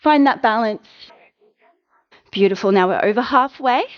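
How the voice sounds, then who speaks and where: Brisk, encouraging woman fitness instructor. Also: on the high side, animated, dull audio. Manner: encouraging, brisk coaching with countdowns. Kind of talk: live workout cueing.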